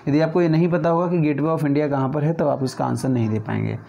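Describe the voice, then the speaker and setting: A man with a mellow, darker voice leads an exam-prep lesson. He talks through each question in a conversational teaching manner, regularly pausing to check in with his students. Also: on the high side, steady tone, gravelly, dull audio.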